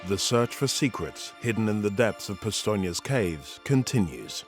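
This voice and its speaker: Low-voiced male nature documentary narrator over music. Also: animated, normal speed. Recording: music under the voice. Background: prominent background music.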